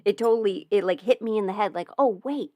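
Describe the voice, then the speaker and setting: A twentysomething woman hosts a relaxed livestream Q&A from home over ramen, rambling and giggling close to the microphone with plenty of fillers. She talks fast in a warm, medium-pitched voice, with no room sound.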